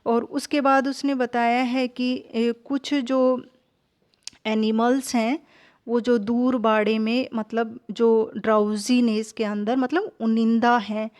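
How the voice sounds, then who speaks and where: A woman, teaching a poem and explaining its meaning line by line, with frequent pauses and fillers. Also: fairly high pitch, little pitch movement, darkish tone, smooth. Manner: slow, hesitant explaining with fillers, mixing English terms into Hindi. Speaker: English literature teacher.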